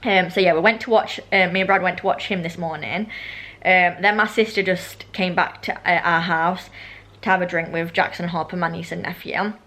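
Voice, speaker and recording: A woman's voice: on the low side, fairly even intonation, normal speed, a bit bright. A young British woman chatting casually and ramblingly in a vlog, her speech slightly slushy from braces with elastic bands. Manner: rambling, self-interrupting, informal. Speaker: vlogger.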